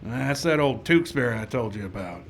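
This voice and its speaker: A man playing a calm, skeptical frontier marshal in a live radio western, measured, dry and authoritative. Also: medium pitch, slight background noise. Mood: wary. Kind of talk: live old-time radio western acting.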